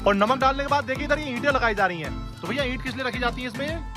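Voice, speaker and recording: With music playing in the background, a very high-pitched man talks fast while touring an outdoor factory. The food vlogger narrates keenly for his audience, calling them guys, and asks the workers questions.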